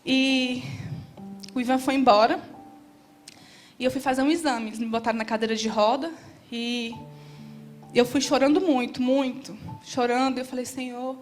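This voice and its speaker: A woman's voice: high-pitched, fairly even intonation, normal speed, long pauses, soft background music. Earnest Brazilian woman giving testimony. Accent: Brazilian Portuguese. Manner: earnest, addresses the congregation directly. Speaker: church member giving testimony. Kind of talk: emotional church testimony. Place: church.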